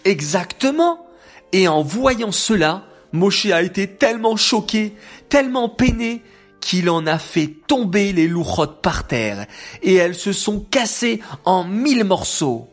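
A woman narrating a children's storybook in an expressive reading voice. Her pitch moves in lively arcs while she keeps a slow, unhurried pace. Faint music sits underneath.

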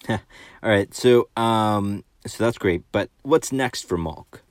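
A man with a very deep voice asks questions as an interviewer. He hesitates and restarts often, and his voice sounds dry and close with no room. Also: slow, no room sound. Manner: hesitant, many fillers and restarts.

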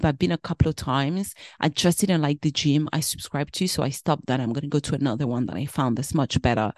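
Chatty woman with a low, dry voice. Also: no echo. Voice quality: chatty, rambling with self-corrections. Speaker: podcast host. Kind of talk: casual solo podcast chat.

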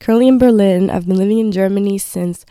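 A woman's voice: medium pitch, quick pace, mellow, no room sound, studio quality. A woman in her twenties from Palestine, hosting a casual solo podcast and rambling as she searches for words. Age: 20s. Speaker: podcast host.

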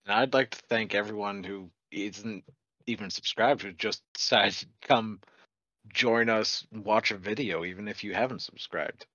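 A man's voice: on the low side, normal speed, pushed and bright, dry recording, lo-fi sound. A man co-hosting a casual chat, playful and joking with his friends. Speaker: channel co-host.

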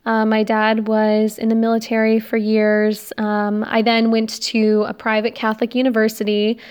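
A young American woman with a fairly high, very clear voice and a slight lisp from wearing braces. She hosts a podcast alone, rambling in a casual, confessional and self-deprecating way. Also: monotone, moderate pace, darkish tone. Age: young adult. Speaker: podcast host. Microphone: recording on a phone.

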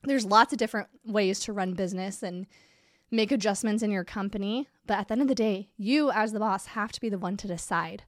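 A woman's voice: medium pitch, fairly quick, no echo, clean studio sound. A woman hosting her own business podcast, talking casually and candidly while congested from a cold. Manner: candid, conversational, upbeat. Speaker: podcast host and business coach. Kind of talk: casual solo podcast talk.

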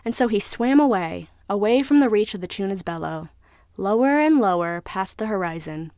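A woman narrating a scripted story in a measured, even way. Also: mid-range voice, no room sound, clean studio sound.

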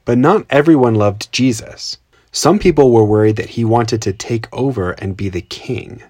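A man with a medium-pitched, slightly mellow voice speaks at normal speed as co-host of a children's storytelling podcast, explaining things simply. Though recorded at home without a proper mic, the sound is clean and studio-like with no room sound.

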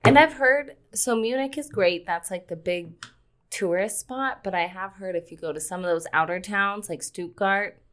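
A woman's voice: medium pitch, normal speed, a bit bright. A woman co-hosting a podcast in casual, agreeable chat, laughing often. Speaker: podcast co-host.

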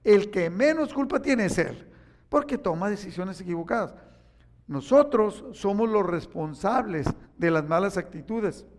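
A man's voice: sits high, measured pace. A man preaching a sermon, telling stories animatedly and acting out the quotes. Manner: animated storytelling with acted-out quotes. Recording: echoey hall reverb.

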